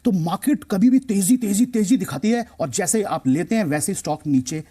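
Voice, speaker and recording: A man's voice: high-pitched, animated, fairly quick, mellow, slightly rough. A man appearing as a stock market expert on a TV show, explaining emphatically and repeating key phrases for effect. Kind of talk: explaining to a TV host.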